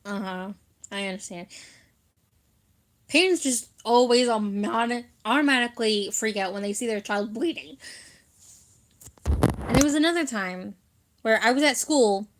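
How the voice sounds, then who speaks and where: A giggly young vlogger shares stories from her childhood with viewers in a laid-back chat. She speaks at normal speed in a voice on the high side, pausing often, with lots of filler words and laughter.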